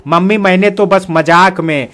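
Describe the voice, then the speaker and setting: A man's voice: high voice, normal speed, fairly bright tone. A man doing a whiny, spoiled younger sister. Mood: defensive, whiny.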